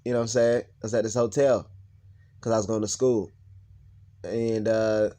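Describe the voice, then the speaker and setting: A man's voice: on the low side, level tone, moderate pace, mellow. A young man vlogging, telling a personal story in a blunt, heated, profane rant.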